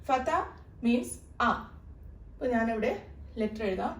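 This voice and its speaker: A woman's voice: fairly high pitch, animated, measured pace. A woman teaching a beginners' Arabic lesson, patiently explaining and repeating each sound. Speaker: Arabic tutor. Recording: echoey room, voice from a distance.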